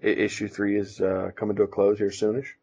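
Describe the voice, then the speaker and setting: Gravelly low-voiced man, halting chat. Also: monotone, mellow. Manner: halting, many restarts, self-deprecating. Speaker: podcast co-host and comic artist. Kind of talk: casual podcast chat. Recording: dull lo-fi sound.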